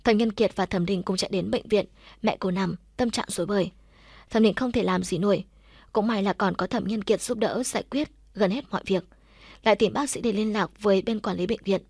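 Woman audiobook narrator, steady reading, dry close sound, mid pitch. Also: a little fast, husky, no echo. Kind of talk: scripted story narration.

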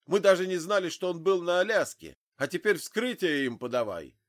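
A man's voice: high-pitched, expressive, normal speed, no echo, clean studio sound, pitched above the performer's own voice. A man doing a furious drunk grieving father. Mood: enraged. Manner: shouting, raging.

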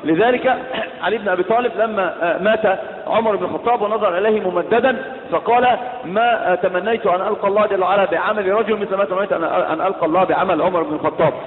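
A quick-talking sheikh lectures with a high, emphatic voice, pressing his students with questions. The sound is thin and tinny like a phone line. A long reverb hangs in the big hall around him. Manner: emphatic, quizzes and banters with students. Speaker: sheikh teaching a class. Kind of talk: classroom religious lecture.

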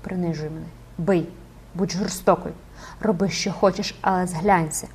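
A woman's voice: fairly low pitch, fairly even intonation, normal speed, a little mellow, breathy edge. A woman voicing a desperate, obsessed middle-aged male priest who pleads and begs in an audiobook. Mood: pleading. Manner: pleading, begging intensely.

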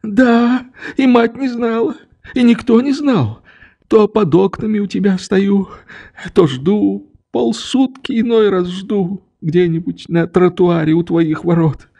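A man's voice: high-pitched, slow pace, gravelly, warm tone, pitched above the performer's own voice, exaggerated voice. A man doing a pleading old father. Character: old grieving father, tender, begging forgiveness. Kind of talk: audiobook reading.

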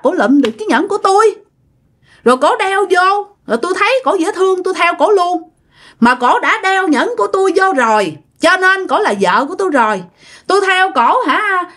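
A woman with a Mekong Delta accent voicing the possessive spirit of a dead male soldier, in a shrill, insistent, taunting tone. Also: a bit bright, full character voice. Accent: Southern Vietnamese (Mekong Delta).

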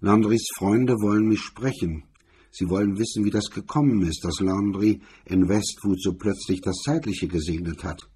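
A man's voice: fairly low pitch, normal speed, mellow, slightly rough. A man reading the part of a cool, sneering male blackmailer, in a mocking, condescending tone. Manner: mocking, condescending, hard-edged.

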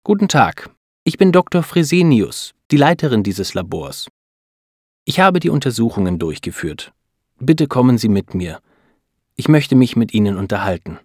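A man's voice: medium pitch, normal speed, a little mellow, no room sound, voice pushed up, lightly acted. Earnest woman doctor in a storybook reading, a man raising his voice for her, serious and careful, dry close sound. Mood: reassuring. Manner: earnest, hesitant when delivering bad news. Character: serious middle-aged female lab doctor.

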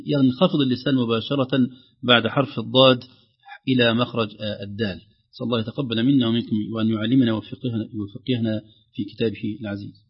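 Male tajweed teacher, patient, husky voice, muffled lo-fi broadcast sound. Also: mid-range voice. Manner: patient, explains slowly, models recitation with drawn-out words. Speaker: Quran recitation teacher. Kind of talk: live radio tajweed lesson.

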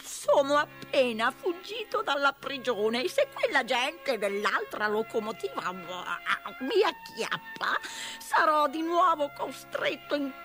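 A high, drawn-out wail from a boastful male toad in a storybook, put on by a woman reading aloud, self-pitying and sobbing, his voice climbing up and swooping down. He talks slowly and pleads with everyone around him. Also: big pitch swings, a bit bright, soft background music, exaggerated voice. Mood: desperate.

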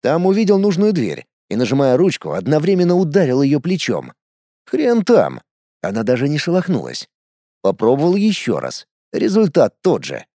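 A man reads a first-person adventure audiobook in a lively, animated way, his pitch moving a lot. His tone is dark and mellow, somewhat higher than most men's. The close recording is dry, with no room sound. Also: brisk, no echo. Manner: lively storytelling with shouted character lines. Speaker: audiobook narrator.

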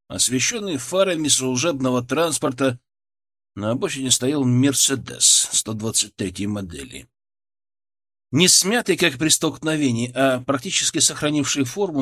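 A man narrating a first-person story, reading it as an audiobook with lively, varied intonation. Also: medium pitch.

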